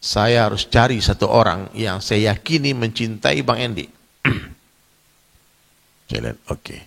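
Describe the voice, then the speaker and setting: Animated male preacher, gravelly voice. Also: on the low side, slow, long reverb tail. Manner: animated, addresses listeners as Pak, acts out quoted voices; frequent throat clearing. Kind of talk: sermon. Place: mosque hall.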